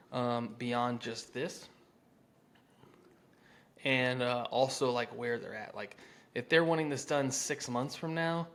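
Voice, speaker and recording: An American man with a medium-pitched, fairly bright voice coaches contractors in an informal, conversational, salesy manner. He blends instruction with sample lines from a phone script.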